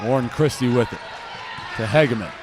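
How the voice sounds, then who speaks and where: This is a young American man's play-by-play of a basketball game, spoken in a mid-range voice a little on the fast side. His clipped phrasing chases the action on the court. Recorded live in a gymnasium, it carries heavy court noise, ball bounces and general gym clatter.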